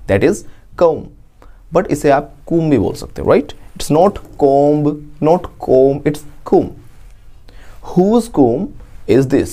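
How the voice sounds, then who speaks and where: Slow, warm man teaching English. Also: mid-range voice. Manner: slow drilling, repeats English phrases for students to say along. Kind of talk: spoken English lesson.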